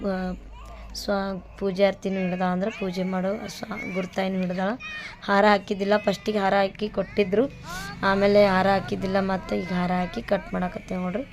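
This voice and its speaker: A woman's voice: mid-range voice, little pitch movement, moderate pace. A middle-aged woman, narrating a family ceremony as a vlogger in a chatty way, repeating herself as she explains each custom step by step. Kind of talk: casual narration over family ceremony footage.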